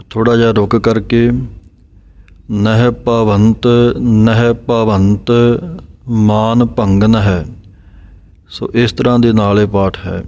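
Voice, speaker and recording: A man teaching scripture recitation, chanting each verse slowly and drawn out, then briskly explaining pauses and pronunciation. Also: lowish voice, a little mellow.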